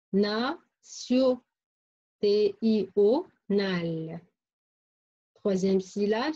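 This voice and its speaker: A woman teaches phonics very slowly, spelling out and repeating each syllable for young pupils. Her voice sits a little high and sounds mellow. The recording is muffled and lo-fi. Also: husky. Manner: repeats words and syllables carefully for children. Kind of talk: slow, deliberate phonics lesson.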